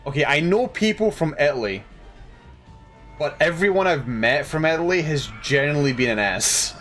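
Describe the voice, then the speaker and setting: A man's voice: a little high, expressive, normal speed, a bit bright, faint music behind. A tired man chatting casually while streaming a game, rambling and laughing at himself. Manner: rambling, laughing, self-deprecating.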